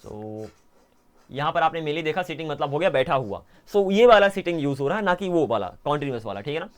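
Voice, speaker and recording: A man's voice: on the high side, big pitch swings, fairly quick. A man with a Hindi accent teaching English grammar in a patient, explaining style, often checking that students follow. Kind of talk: online grammar lesson.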